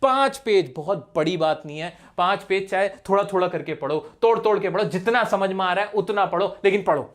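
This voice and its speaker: A man's voice: high-pitched, animated, brisk. A young man with an Indian accent teaching spoken English in a casual, direct way, talking straight to his viewers. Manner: chatty, direct, addresses viewers as brother. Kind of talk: casual classroom-style lesson.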